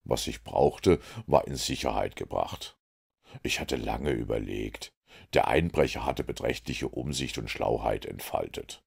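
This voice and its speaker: A man reading an audiobook aloud in the first person, measured and self-assured. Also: a bass voice, creaky, slightly rough. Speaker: audiobook narrator.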